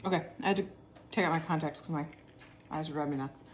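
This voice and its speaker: A woman's voice: low voice, quick pace, very noisy. A woman chatting casually in a home vlog, describing food and drinks to the camera. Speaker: vlogger. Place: home indoors.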